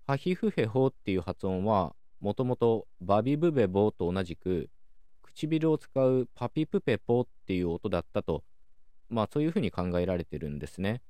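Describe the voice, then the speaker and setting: Low-ish guy calmly explaining stuff solo, voice goes up and down a lot. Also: no room sound. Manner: measured, explanatory, many soft fillers. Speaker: podcast host. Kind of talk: calm solo educational talk.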